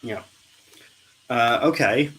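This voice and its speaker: A man's voice: medium pitch, takes it slowly, fairly bright tone, a little hiss or hum, rough recording. Male host, jokey, chatty, on a video call. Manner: joking, chatty, teasing the guests. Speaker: host of a charity live stream. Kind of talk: casual group chat.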